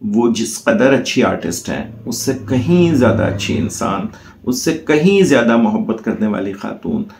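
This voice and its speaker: A man's voice: mid-range voice, very animated, normal speed, vocal fry, a little mellow, roomy sound, slight background noise. A man telling a heartfelt personal story as a channel host, in earnest, formal diction.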